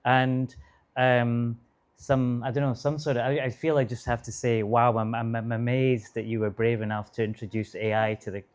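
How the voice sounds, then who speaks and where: Relaxed man thanking a class. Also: medium pitch, moderate pace. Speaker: course instructor. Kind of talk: closing remarks to a class.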